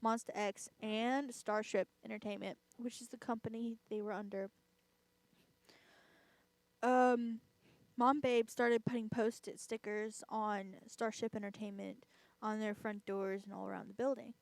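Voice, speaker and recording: A woman's voice: mid-range voice, level tone, unhurried, no room sound. A woman vlogger chatting casually, rambling and filling her talk with "I mean" and self-mocking laughs. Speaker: vlogger and host. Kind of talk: casual chat.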